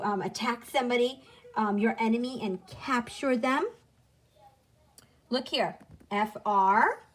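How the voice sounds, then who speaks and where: A woman gives a phonics lesson at an unhurried pace, drawing out each special sound so young learners can repeat it. Her voice sits a little high for a woman. She over-enunciates her sounds in a patient, deliberate way. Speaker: phonics teacher.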